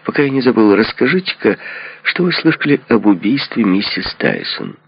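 A man's voice: lowish voice, wildly swooping pitch, normal speed, vocal fry, husky, pitched above the performer's own voice, exaggerated voice. A man voicing a sardonic, probing detective in a book reading. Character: cynical, mocking male detective. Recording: dull lo-fi recording.

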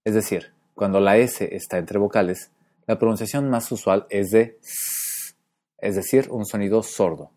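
A man teaching pronunciation in a clear, methodical way, slowing down to demonstrate sounds. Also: lowish voice, mellow. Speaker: Spanish phonetics teacher. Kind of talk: explanatory lesson narration.

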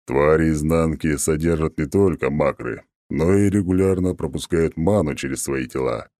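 A man's voice: rumbling low, moderate pace, mellow, no echo. A man voicing an arrogant ancient male oak god who talks down in a haughty, mocking way. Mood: smug, haughty.

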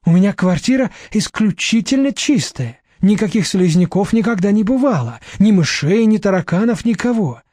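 Storybook landlady, whiny and coy, read by a man, pitched high, close dry mic. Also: animated, moderate pace, few pauses, warm tone, dry recording. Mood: wheedling. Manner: whiny, feigned innocence. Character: brash chatty woman flat owner, gap-toothed.

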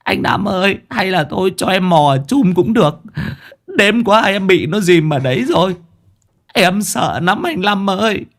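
A man's voice: deep voice, lively intonation, a little fast. A man voicing a timid, frightened young man who stammers and whines. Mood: frightened pleading. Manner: stammering, whining.

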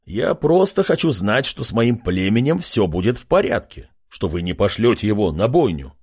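A man voicing a fat, suspicious male boar chieftain in a fantasy audiobook, with a husky voice. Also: lowish voice, big pitch swings, moderate pace, darkish tone, no echo, studio quality, full character voice. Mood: angry, frightened.

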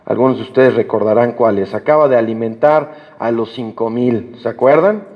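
A man preaching a sermon to a congregation, earnest and emphatic, rising in pitch to stress his points. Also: moderate pace. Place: church hall. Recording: dull sound with long hall reverb.

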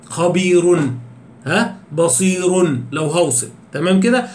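A man with an Egyptian Arabic accent teaching Quran recitation rules in a lecture. He asks the class repeated questions and slows right down to recite examples. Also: high-pitched, a bit bright. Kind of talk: tajweed lecture. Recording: echoey room with faint background noise.

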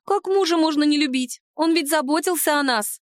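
Brief: woman voicing a clingy, weepy female house spirit for an audiobook; whiny, pleading, squeaky-high. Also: a little fast, dry recording, clean studio sound, close to an everyday voice. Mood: adoring.

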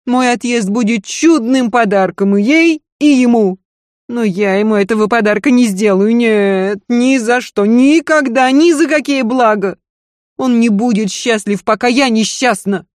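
Brief: high shrill hysterical noblewoman, bitter and volatile, put on by a woman reader, dry close audiobook read. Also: unhurried, darkish tone, dry recording, lightly acted. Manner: shrill, screaming, sobbing outbursts.

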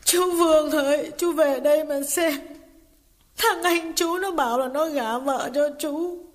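A man narrator voicing a furious, betrayed village wife of nearly thirty, cursing and wailing in a high, shrill voice. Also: measured pace. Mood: lamenting. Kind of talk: audiobook character voice.

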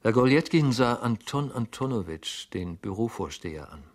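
A man narrating a classic novel as an audiobook, measured and even. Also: mid-range voice.

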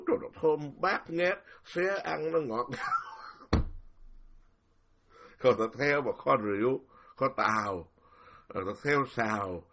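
Gravelly older monk, Southern Vietnamese accent. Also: male voice, mid-range voice, fairly bright tone. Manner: indignant, rambling, repeats words, laughs. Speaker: Buddhist monk. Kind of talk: casual spoken dharma talk.

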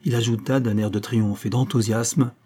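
A man reading a historical tale aloud as an audiobook narrator, in a measured literary manner. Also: mid-range voice, fairly even intonation, warm tone, husky.

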